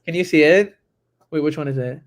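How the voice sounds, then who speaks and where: A man co-hosting a casual podcast chat, joking and teasing in an animated way. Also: fairly high pitch, brisk. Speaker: podcast co-host.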